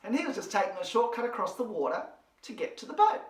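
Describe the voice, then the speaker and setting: A woman with an Australian accent presenting a children's church lesson, telling a Bible story in an animated, expressive way. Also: mid-range voice, fast talker. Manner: animated, expressive, speaks to her dog. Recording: roomy, from a distance.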